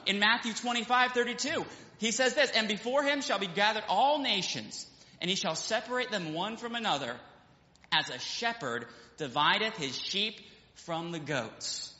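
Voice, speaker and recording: A man's voice: sits high, sharp tone. A man preaching a sermon as pastor, praying and reading scripture aloud to a seated congregation in a church. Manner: preaching with rising fervor, quotes King James scripture. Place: church sanctuary. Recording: echoey hall, dull sound.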